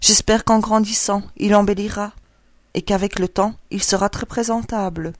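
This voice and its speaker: A woman's voice: medium pitch, fairly even intonation, normal speed, no echo, natural voice. Mother duck, protective and doting, storybook reading; a woman reads her, dry close sound. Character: anxious proud mother duck, female, adult.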